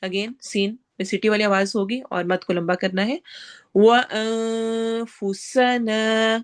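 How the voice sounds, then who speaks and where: A woman teaching Quran recitation, explaining pronunciation rules in a brisk, instructive way. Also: medium pitch, fairly even intonation. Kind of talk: tajweed lesson.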